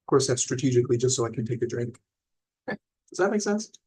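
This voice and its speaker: A man's voice: medium pitch, animated, fast, darkish tone, husky. A man in his forties from Illinois, teaching mindfulness in a rambling, conversational live talk that often checks in with listeners. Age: 40s. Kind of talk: live-streamed talk reading viewer comments.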